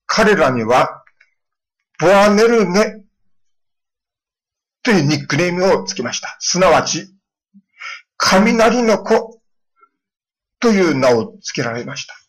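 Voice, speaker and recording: A middle-aged male pastor preaching a sermon, telling stories and acting out children's lines in a lively way. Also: a little high, brisk, few pauses, husky, low-quality recording. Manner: storytelling with lively voiced quotes of children.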